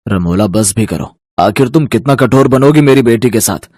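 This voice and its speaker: A man voicing a soft-spoken middle-aged father in a cartoon story, who pleads gently. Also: mid-range voice, expressive, normal speed, no echo, natural voice. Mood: pleading.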